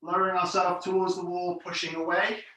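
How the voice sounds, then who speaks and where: Echoey, high-pitched man leading an exercise class. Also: flat delivery, fairly quick, sharp tone. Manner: encouraging, plain step-by-step cueing. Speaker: fitness class instructor. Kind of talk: exercise class instruction with counts and cues. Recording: very echoey room, distant mic.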